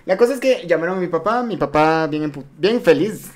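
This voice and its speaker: A man's voice: a little high, fairly quick. A young man telling crude school stories in a casual chat, acting out the voices of the people in them. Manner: crude, animated, acts out quoted voices.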